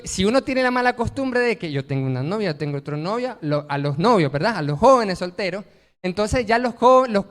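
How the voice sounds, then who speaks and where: A man's voice: sits high, big-room sound. A man preaching a sermon as pastor, emphatic, posing rhetorical questions and answering them himself.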